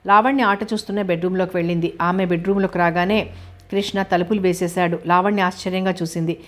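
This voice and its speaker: Performing all the characters herself, a woman reads a novel aloud as an audiobook. Her storytelling is even, her voice lowish, and her pace quick.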